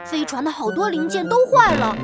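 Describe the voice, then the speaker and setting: An adventurous young child pilot speaks in a children's audio drama. The voice is very high and swoops expressively, curious and quick to exclaim. Strong music runs behind. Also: female voice, sing-song. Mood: worried.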